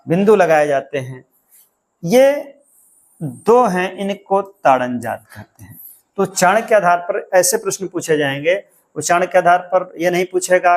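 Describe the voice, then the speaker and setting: A man with a fairly high voice teaches an exam-prep grammar lesson. He explains step by step and says key counts and sounds aloud more than once.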